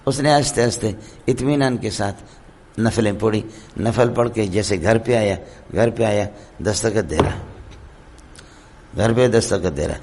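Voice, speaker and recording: Hoarse man teaching Quran commentary. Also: lowish voice, pauses often, noisy background. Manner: storytelling, often checks listeners with "understood?". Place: madrasa lecture hall.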